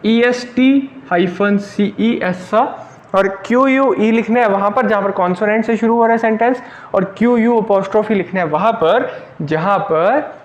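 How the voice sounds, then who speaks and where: High-voiced man teaching a language lesson. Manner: explains step by step, repeats key points, asks rhetorical questions. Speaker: French teacher. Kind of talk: online lesson explained in Hindi.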